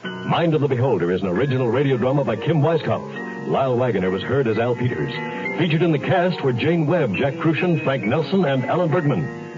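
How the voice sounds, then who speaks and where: A man with a mid-pitched voice reads credits and sponsors in a crisp, formal announcer's manner. His voice is muffled like an old radio broadcast, and loud music plays behind him. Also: sing-song, fairly quick. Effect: old radio broadcast sound.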